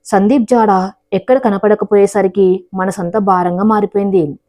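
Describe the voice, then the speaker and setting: A woman reading a scripted family story aloud in a steady, even narration. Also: medium pitch, normal speed.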